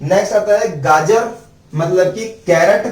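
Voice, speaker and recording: A male teacher giving a spelling lesson, drawing out letters one by one at a board. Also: high-pitched. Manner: slow, drawn-out letter-by-letter spelling. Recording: echoey room, mic at a distance.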